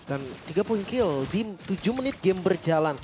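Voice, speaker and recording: A man's voice: high-pitched, lively intonation, normal speed, slight background noise. A man with an Indonesian accent giving conversational analysis during an esports broadcast. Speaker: esports commentator. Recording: loud music behind the voice. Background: loud music.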